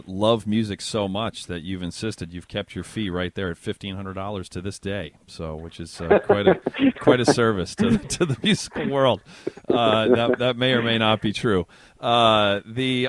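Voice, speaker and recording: A middle-aged man hosts a podcast in a relaxed, joking manner. His voice sits very low and sounds close and dry, with no room around it. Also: no room sound. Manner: joking, chatty. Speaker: podcast host. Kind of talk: casual podcast interview.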